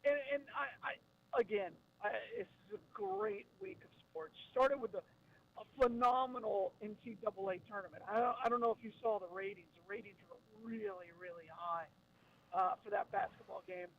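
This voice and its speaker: Calling in from pouring rain, outdoors or in a car, this sports radio co-host talks sports casually over a dull phone line that buzzes, glitches, and breaks up. His voice sits high with vocal fry and lively intonation at normal speed, plus a little hiss or hum. He stammers, repeating words as he gets going.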